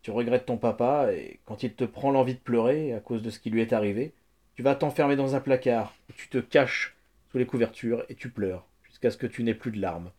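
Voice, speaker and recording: A man reading the lines of a kindly older man who gently counsels a grieving child in a storybook reading. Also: mid-range voice, a little fast, close to an everyday voice. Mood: earnest. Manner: earnest, soothing counsel.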